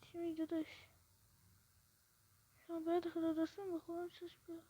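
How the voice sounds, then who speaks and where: A woman's voice: very high-pitched, monotone, warm tone. A woman giving casual commentary on a horror game, jumpy and panicky, often repeating questions to herself. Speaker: gameplay video host. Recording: muffled lo-fi recording.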